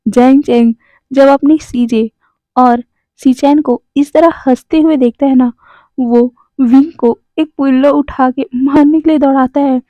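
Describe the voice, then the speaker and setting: A woman's voice: sits high, fairly even intonation, unhurried, dark tone, no room sound. A woman casually retelling a fan fiction story in a chatty way, speaking straight to her listeners. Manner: chatty, addresses listeners directly. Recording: dry, dull lo-fi sound.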